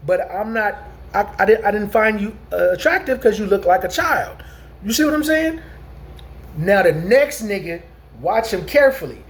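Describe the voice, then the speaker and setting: High-voiced rambling man in his forties. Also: animated, normal speed. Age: 40s. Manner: rambling, repeats "you know what I'm saying", frequent restarts. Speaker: vlogger. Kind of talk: casual storytelling monologue.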